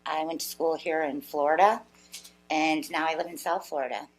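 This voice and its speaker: A woman's voice: sits low, fairly even intonation, normal speed, poor audio. Blunt young female co-host. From Brazil. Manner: blunt, short answers. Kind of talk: talk show discussion.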